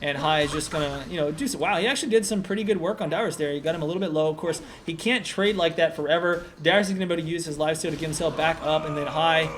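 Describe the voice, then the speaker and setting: A man giving solo play-by-play commentary on a video game, relaxed and analytical with frequent fillers. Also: fairly high pitch, racing, few pauses, a little hiss or hum. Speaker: esports commentator.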